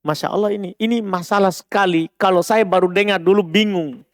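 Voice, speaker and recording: A man's voice: high-pitched, fairly even intonation, brisk, no echo, studio quality. A man from Indonesia with a Makassar accent, teaching Arabic grammar as a classroom lecture, often quizzing listeners and repeating his phrases.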